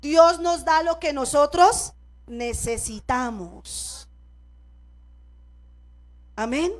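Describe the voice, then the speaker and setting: A woman's voice: sits high, animated, drawn-out words. A middle-aged Colombian woman pastor preaching a sermon in church, telling personal stories and prompting the congregation with frequent "amén" and "¿cierto?". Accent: Colombian Spanish.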